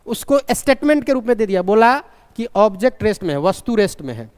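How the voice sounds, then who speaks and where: A man's voice: high-pitched, big pitch swings, fast, a little mellow, smooth. A man teaching a live physics class, terms into his talk and repeatedly quizzing his students. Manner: questioning, repeats key points. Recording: long reverb from a large room.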